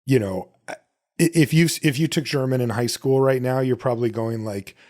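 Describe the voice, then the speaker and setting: At a moderate pace, a middle-aged American man with a mid-range, darkish voice hosts a solo podcast. His tone is casual and conversational as he answers questions from listeners and relates personal experiences.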